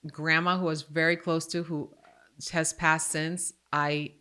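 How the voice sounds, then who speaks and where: A woman's voice: deep voice, level tone, measured pace, bright, forceful tone, smooth. A woman in her forties from Croatia hosting a podcast, talking in a candid, self-deprecating and joking way. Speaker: podcast host. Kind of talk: casual podcast chat.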